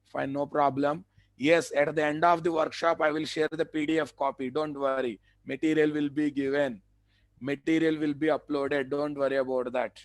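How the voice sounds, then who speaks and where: South indian guy teaching online class, telugu-ish english accent, slightly high voice, dry sound, repeats himself. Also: flat delivery, moderate pace, dry recording. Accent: South Indian, Telugu-influenced English. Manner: repeats phrases, clipped instructions. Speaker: software instructor running an online class. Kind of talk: live online tutorial, addressing students.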